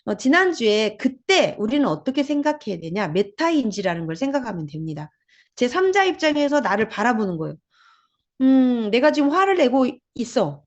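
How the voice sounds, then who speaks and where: A woman's voice: a little high, normal speed, highs cut off. A woman hosting a book club talk, explaining ideas and acting out quoted speech. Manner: lively, acts out quoted speech.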